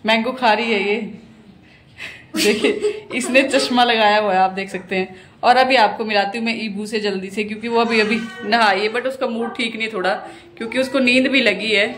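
There's a little hiss or hum behind this woman's fairly high, slightly bright voice. She's a vlogger in her thirties, chatting easily as she tours her rented apartment and shows each room.

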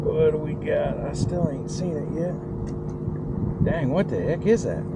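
A middle-aged man, excitedly fishing from a kayak outdoors and talking to the fish, recorded on a kayak-mounted camera. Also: a little high, measured pace, creaky. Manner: excitable, talks to the fish, exclaims loudly. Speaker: kayak angler. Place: kayak on open tidal water, outdoors. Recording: loud wind and water noise outdoors. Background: wind and water.

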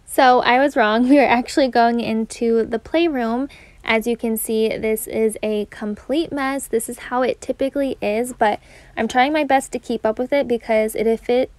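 A woman's voice: a little high, a little mellow, no room sound. A young adult woman chatting casually to camera about cleaning at home, talking in a loose, rambling way with lots of fillers. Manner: chatty, uses many "like" and "um" fillers. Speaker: cleaning vlogger.

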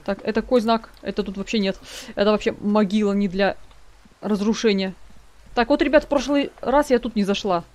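A woman's voice: medium pitch, a little fast, a little mellow. A woman giving casual gameplay commentary as a let's play gamer, chatting to her viewers and reading in-game notes aloud.

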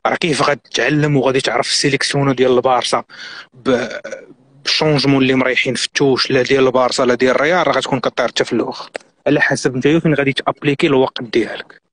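A man's voice: mid-range voice, steady tone, very fast, a bit bright. A middle-aged man from Morocco with a Moroccan accent, a guest on a live stream, giving earnest, insistent advice and mixing in French and English words.

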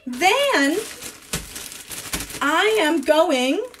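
A woman's voice: extremely high pitch, sing-song, extremely slow, fairly bright tone, slight background noise. A woman in her forties teaching a live cooking class from her home kitchen, rambling and thinking aloud with lots of fillers.

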